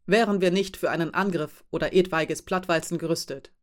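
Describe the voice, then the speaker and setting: A woman reading an audiobook voices a huge, calm female ship captain who gives orders in a factual, firm tone. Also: lowish voice, brisk, natural voice. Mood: calm, commanding. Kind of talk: audiobook character voice.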